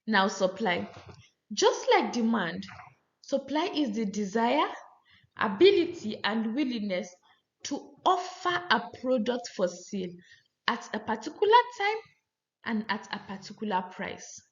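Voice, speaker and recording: A woman giving a fast economics lecture, often checking in with her students. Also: on the high side, sing-song. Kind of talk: recorded classroom lecture. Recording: roomy, slightly dull audio.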